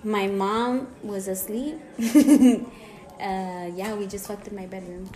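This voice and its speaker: A woman's voice: medium pitch, fairly even intonation, takes it slowly, warm tone, roomy sound. A woman co-hosting a podcast, telling crude stories with lots of laughter in casual chat over a drinking game. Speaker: podcast co-host.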